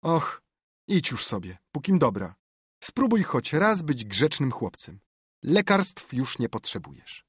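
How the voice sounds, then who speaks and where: A man voicing a stern but soft-hearted elderly aunt who scolds her nephew in an audiobook. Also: mid-range voice, sing-song, slow pace, slightly rough, no echo, studio quality, voice pushed up, exaggerated voice. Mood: softened. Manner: scolding, suspicious.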